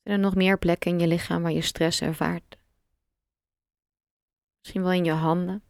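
A woman guiding a relaxation meditation, giving slow, calm, soft instructions with long pauses. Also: lowish voice, creaky, no echo, clean studio sound. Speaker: meditation guide.

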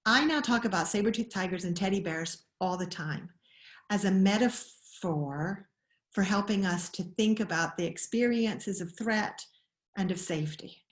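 A woman, a parenting educator, explaining ideas in an interview with an earnest, animated manner and frequent restarts. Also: mid-range voice, normal speed, reverberant.

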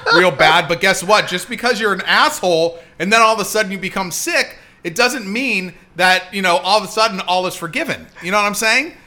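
Man, podcast guest, blunt, profane, slightly high voice, bright tone. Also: a little fast, hardly any pauses. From Hollywood, California. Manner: blunt, profane, laughs while telling stories. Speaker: podcast guest, producer and author. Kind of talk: casual chat.

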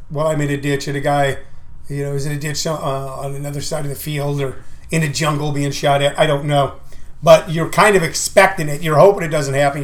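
A man with a slightly high voice delivers a rambling comedic monologue. He is folksy and emphatic, often repeating a phrase for effect as he hosts and plugs shows. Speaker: comedian and show promoter hosting his own talk. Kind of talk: rambling monologue with comic asides and show plugs.

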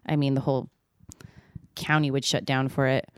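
A rumbling low, smooth voice with a level tone and normal speed belongs to a singer in her thirties, recorded in a studio without room sound. Co-hosting a podcast, she tells candid stories about her gigs, laughing easily and using lots of fillers, and she sings in Spanish despite it not being her first language.

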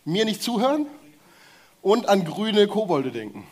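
German guy giving a sermon, lively and direct, slightly high voice. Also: a little slow. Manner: direct, energetic, gets the crowd to shout along. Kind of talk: sermon to a live audience.

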